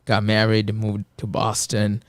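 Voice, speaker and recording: A Kenyan personal trainer in his twenties speaks earnestly as a guest in a casual interview, using lots of filler words. His lowish voice is monotone and measured, with no room sound.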